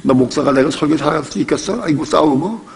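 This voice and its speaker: A man's voice: fairly high pitch, fast, creaky, slight background noise. A man voicing a taunting male Satan in a sermon, scornful and jeering. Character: taunting, mocking male Satan whispering accusations.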